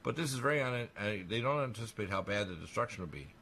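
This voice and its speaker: A man talking on a radio talk show in a rapid, insistent monologue, emphatic and alarmist as he piles up claims. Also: on the low side, expressive, vocal fry, sharp tone, slight background noise.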